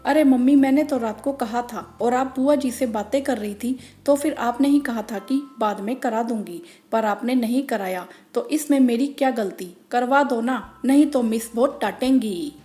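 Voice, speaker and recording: Brief: a woman playing a whiny little boy in a storybook reading, high and mellow. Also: moderate pace, few pauses, lightly acted. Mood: whining. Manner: whining, arguing. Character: whining schoolboy son, young child.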